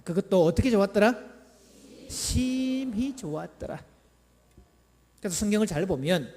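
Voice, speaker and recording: A middle-aged male pastor preaching a lively sermon, playfully quizzing the congregation and having them repeat phrases after him. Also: high voice. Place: church sanctuary. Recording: church hall reverb.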